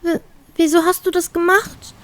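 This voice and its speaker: Woman putting on a squeaky excitable girl. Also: very slow, dry recording, full character voice. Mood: whiny. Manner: high, squeaky and tearful. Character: small excitable young woman, whiny then cheerful.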